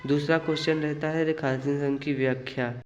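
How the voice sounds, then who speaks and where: A man teaching, explaining an exam paper question by question in a slow, measured way. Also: a little high, steady tone, dull audio.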